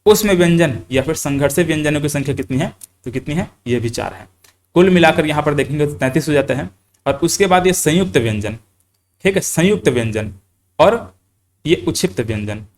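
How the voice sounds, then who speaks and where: A man's voice: a little high, lively intonation, brisk. A young man teaching an exam-prep grammar lesson, asking questions and answering them himself, repeating key points. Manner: quizzes listeners with questions he then answers himself; repeats key points and fills with "thik hai".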